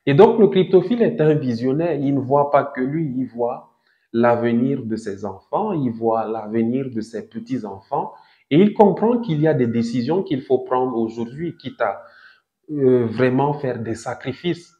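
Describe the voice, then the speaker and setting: A man in his thirties giving a didactic talk as host of a crypto channel, deliberate, with emphatic rises on key points. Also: mid-range voice, mellow. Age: 30s. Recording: echoey room, dull lo-fi sound.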